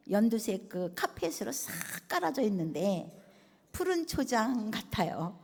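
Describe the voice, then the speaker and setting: Pastor's wife, testimony speaker: animated storyteller who acts out quoted dialogue, recorded in a reverberant hall. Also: female voice, on the high side. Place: large hall at a retreat resort.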